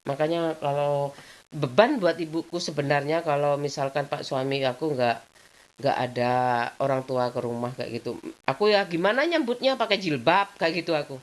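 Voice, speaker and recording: Lady vlogging, low voice, rambly chatty storytime, keeps saying the same filler stuff. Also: normal speed. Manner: chatty, rambling, repeats filler phrases often. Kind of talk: casual personal storytelling.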